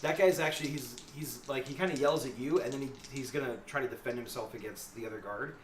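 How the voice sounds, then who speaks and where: A man's voice: medium pitch, fast talker. A man running a tabletop game as game master, narrating loosely with laughs and hesitant fillers, recorded in an echoey room from a distant mic with faint hiss.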